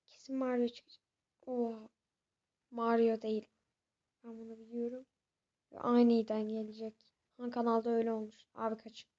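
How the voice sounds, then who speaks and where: A woman's voice: on the high side, little pitch movement, normal speed, pauses often, dull audio. A young woman hosting a horror game let's-play, chatting with viewers and jumping at scares. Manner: chatty, jumpy, talks to viewers. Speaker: gaming channel host.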